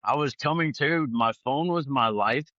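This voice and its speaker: A man telling his testimony in an animated, conversational way. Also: mid-range voice, moderate pace, no echo, dull audio. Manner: animated, acts out other people's lines. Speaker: guest sharing his testimony. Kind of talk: conversational storytelling.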